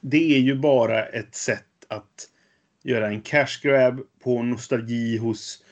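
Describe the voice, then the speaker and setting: A man co-hosting a casual board game news chat. He speaks in a measured, hesitant way, with a mildly cynical edge. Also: medium pitch, steady tone. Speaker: podcast co-host.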